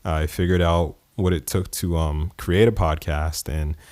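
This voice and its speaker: An East Coast American podcast host speaks in a deep, steady, somewhat slow and darkish voice, recorded cleanly in a studio with no echo. His casual monologue is loose and conversational, full of fillers and chuckles.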